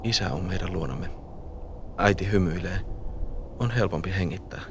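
A reflective boy, low voice. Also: background noise. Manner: calm, reflective, often hushed. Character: a boy remembering his childhood. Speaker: narrator. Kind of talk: scripted radio play narration.

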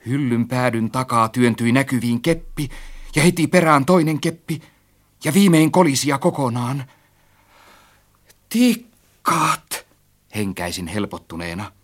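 A man's voice: mid-range voice, lively intonation. A man narrating a story as an audiobook, reading expressively and acting out his own quoted lines.

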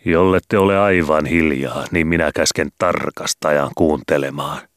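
A man's voice: very deep voice, little pitch movement, dry recording, clean studio sound. A man reading a storybook and voicing a stern, cruel male schoolteacher who commands and threatens his pupils.

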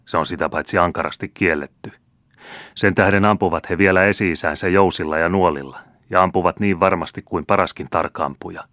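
A man voicing a gruff, harsh middle-aged bailiff who barks orders in a storybook reading. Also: low voice, a bit bright, dry recording, studio quality. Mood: grim. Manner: barking orders, scornful.

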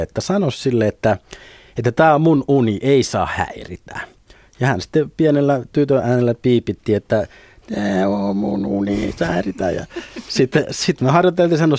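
A middle-aged man, a lucid dreaming instructor, explaining things in a relaxed way on a radio talk show and chuckling now and then. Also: mid-range voice, dry recording, studio quality. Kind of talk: radio studio conversation. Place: radio studio.

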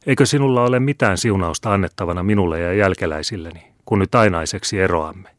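A man's voice: deep voice, no echo, clean studio sound, natural voice. A man voicing an earnest, pleading young nobleman in an audiobook.

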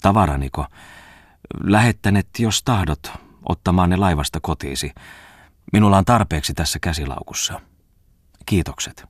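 A man voicing a restless, withdrawn young male pianist who speaks quietly with a slight quaver. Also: deep voice, animated, long pauses, no room sound, clean studio sound. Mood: terse.

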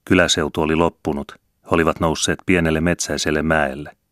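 A man narrating a novel as an audiobook reader, in a steady, measured storybook reading. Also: rumbling low, no echo, clean studio sound. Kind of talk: scripted narration.

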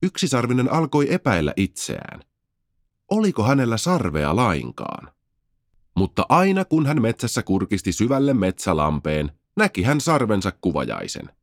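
A man reading a children's fairy tale aloud, expressive and gentle. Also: on the low side, no room sound, clean studio sound. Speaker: storyteller. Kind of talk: children's audiobook narration.

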